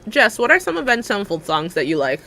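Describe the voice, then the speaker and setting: A woman's voice: mid-range voice, very animated, fast, sharp tone. A young adult woman chatting casually with her live viewers, rambling with lots of fillers and frequent laughs. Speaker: livestreamer.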